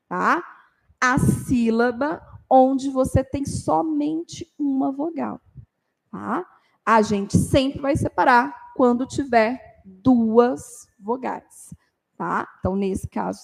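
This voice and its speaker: A woman's voice: sits high, vocal fry. A woman teaching a spoken grammar lesson, explaining step by step and checking in with her listeners after each point.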